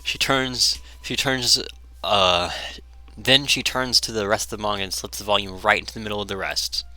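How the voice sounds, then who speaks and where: A man's voice: on the low side, fairly even intonation, moderate pace, pushed and bright, dry recording. A man reading a visual novel aloud and commenting on it, often stumbling over words and restarting. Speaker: game player reading aloud.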